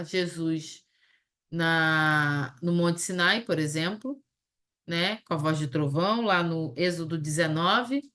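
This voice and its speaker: A woman teaching a Bible study lesson. She reads scripture slowly, then explains it in a conversational way. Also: medium pitch, a bit bright.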